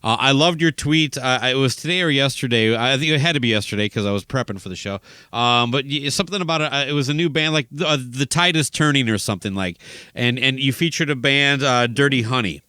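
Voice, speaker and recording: A man's voice: mid-range voice, fast talker, pushed and bright, clean tone, dry recording, clean studio sound. A man hosting a podcast interview, chatty and joking. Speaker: podcast host. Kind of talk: casual interview.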